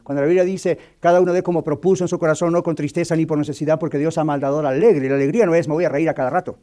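A man's voice: on the high side, steady tone, very fast, mellow. A man preaching a sermon as pastor, emphatic, often stopping to ask the congregation questions.

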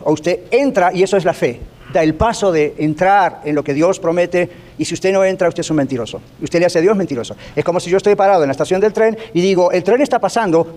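A man with a high, light voice preaching on the radio in a relaxed, conversational way. He tells everyday stories and slips into playful little voices to make his point. He drops English phrases into his talk.

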